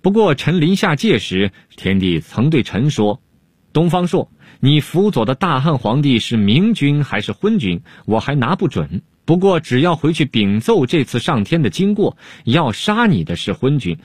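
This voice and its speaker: A male storyteller puts on a sly old-court jester with a husky, lively voice. He draws out his words and teases without hurry. The sound is close and dry. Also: fairly low pitch, normal speed, dry recording. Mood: pleading.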